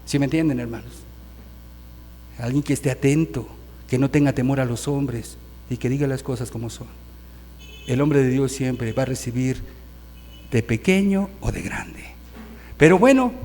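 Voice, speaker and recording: A man preaching a sermon in a church, his voice sitting a little high for a man. He keeps calling his listeners brothers and checks that they follow along. The sound trails off in a long church reverb. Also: a little mellow, a little hiss or hum. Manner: addresses the congregation as brothers, often asks "¿sí?". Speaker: pastor. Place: church hall.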